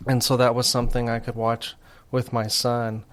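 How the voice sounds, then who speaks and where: A man's voice: medium pitch, level tone, normal speed, fairly bright tone. A middle-aged man hosting a radio talk show, chatting easily, reminiscing and prompting his guest. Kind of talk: relaxed radio interview chat.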